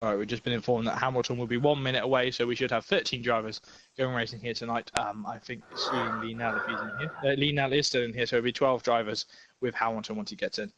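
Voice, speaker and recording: A man's voice: mid-range voice, steady tone, quick pace, a bit bright, no room sound. A young man commentating an online racing league, joking and rambling with lots of fillers, a little breathless and sick. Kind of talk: casual esports race commentary. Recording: dull lo-fi stream audio.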